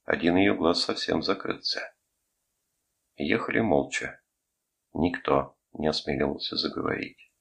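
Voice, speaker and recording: Deep husky male audiobook narrator, steady and measured, gravelly tone. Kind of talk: scripted narration.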